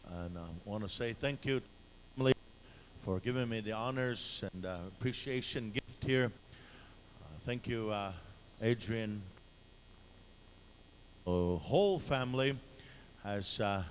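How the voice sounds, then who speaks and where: A man working as a powwow emcee, announcing live in an informal, halting way and drawing out the names he calls. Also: mid-range voice. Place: powwow dance arena. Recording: noisy live event PA announcement. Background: clear event noise and ambience.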